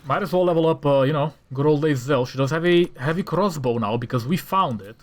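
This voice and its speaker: A fairly quick, somewhat high male voice belongs to a gaming-channel host from Romania who speaks Romanian natively. He narrates a mod casually, thinking aloud and venting in exasperated rants.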